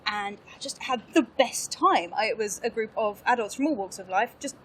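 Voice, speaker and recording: A young English woman, an actor and improviser, chats as a podcast guest in a casual interview, bubbly and self-mocking, laughing often. Her husky voice sits at medium pitch and normal speed, and the audio quality is poor.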